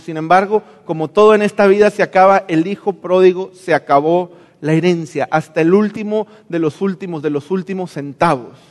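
A man's voice: high-pitched, big-room sound. A man preaching a sermon, earnestly telling a story and acting out its characters.

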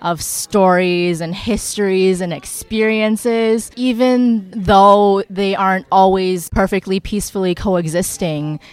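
A woman's voice: mid-range voice, steady tone, takes it slowly, few pauses, darkish tone, clear, resonant tone, dry recording, soft background music. A young woman giving a reflective interview answer, articulate and thoughtful.

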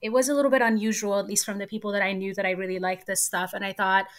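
A woman's voice: medium pitch, level tone, rapid-fire. A young woman from Ethiopia, a computer scientist, talking animatedly and laughing often in an interview. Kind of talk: casual interview talk.

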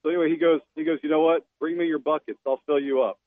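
A man's voice: on the high side, fast talker, no echo. Man on a tinny speakerphone line. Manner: relaxed storytelling, laughing. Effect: phone speaker call. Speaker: guest caller. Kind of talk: casual chat. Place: in a car on speakerphone. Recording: tinny phone line, dry.

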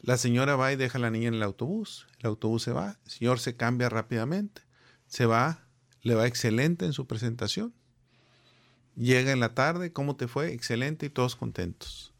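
A man's voice: mid-range voice, moderate pace, creaky. A middle-aged man, a guest speaking on personal growth, who tells anecdotes and acts out the people in them. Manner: animated storyteller, acting out the people in his anecdotes. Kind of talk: conversational storytelling.

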